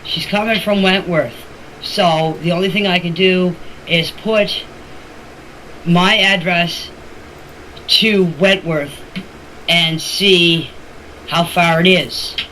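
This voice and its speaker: An older woman leaves a voice message for a group chat in a lowish, sharp voice, speaking slowly with fairly flat intonation and frequent pauses. She's informal, emphatic and opinionated, and she repeats herself. It's a noisy, amateur phone recording.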